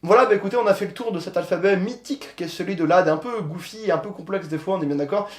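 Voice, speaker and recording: A young man hosting a casual explainer video in a laid-back, slangy way, with many filler pauses. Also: high-pitched. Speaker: host of a micronation channel. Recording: echoey room with faint background music.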